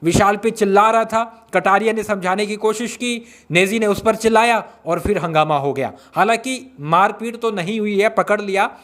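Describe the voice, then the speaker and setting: ऊँची आवाज़ वाला पुरुष यूट्यूबर, गपशप भरी अपडेट नाटकीय ढंग से सुनाता है. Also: male voice, high-pitched, normal speed, few pauses, a bit bright. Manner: dramatic, hypes up the news and re-enacts quarrels. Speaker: YouTuber giving reality show updates. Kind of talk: excited gossip recap.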